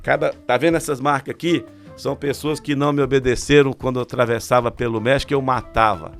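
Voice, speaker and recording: A man's voice: medium pitch, fairly even intonation, quick pace, vocal fry, faint music behind, close to an everyday voice. A man voicing a restless, hostile tattooed male inmate who speaks broken Portuguese with a Mexican Spanish accent. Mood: menacing. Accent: Mexican Spanish-tinged Portuguese.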